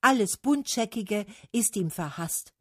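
A woman voicing a gruff, weary male autumn spirit who grumbles his words slowly in a storybook reading. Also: mid-range voice, animated, bright, forceful tone, dry recording, studio quality, pitched above the performer's own voice, exaggerated voice. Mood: grumbling. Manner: slow, grumbling.

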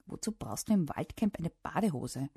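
A woman's voice: deep voice, expressive, normal speed, dark tone, breathy edge, no room sound, exaggerated voice. Woman doing a dry, wry dad. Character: dry, ironic dad, easygoing.

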